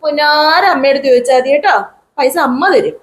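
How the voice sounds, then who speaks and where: A woman's voice: high-pitched, fairly even intonation, quick pace, close to an everyday voice. A woman playing a wife in a comic family skit, firing back sarcastic, mocking retorts.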